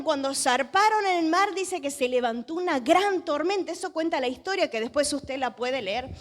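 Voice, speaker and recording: An Argentine woman pastor preaching a sermon, telling a story with lively rhetorical questions to the congregation. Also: high voice. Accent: Argentine Spanish.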